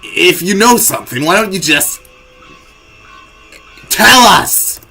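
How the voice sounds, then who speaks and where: A man voicing a tough, brash female monster teen from a game, talking loud and blunt. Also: mid-range voice, sing-song, normal speed, soft background music, poor audio. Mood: angry. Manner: loud, blunt, shouting bursts.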